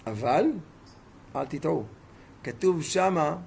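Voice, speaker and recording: Male rabbi, Torah class; emphatic storyteller, gravelly tone, faint hiss in the background. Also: on the high side, animated, a little mellow. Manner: emphatic, fires rhetorical questions at listeners.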